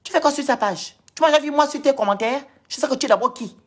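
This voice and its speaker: A woman hosts a heated live stream, scolding her viewers and hammering the same points over and over. Her voice sits somewhat high, and she speaks into a phone or webcam mic. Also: quick pace. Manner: scolding, repetitive, lecturing.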